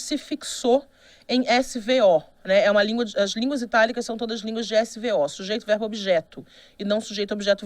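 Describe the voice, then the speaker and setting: In a dry recording, a woman with a voice on the high side delivers a university lecture online. She's Brazilian with a Brazilian Portuguese accent, explains things patiently, often restarts, and keeps checking in with "né?".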